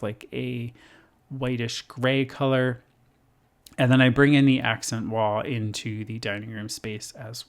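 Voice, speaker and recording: Casual male voice-over, mid pitch, gravelly, rambling and chatty. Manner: chatty, rambling, lots of fillers and self-deprecating laughs. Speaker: Sims builder narrating his build.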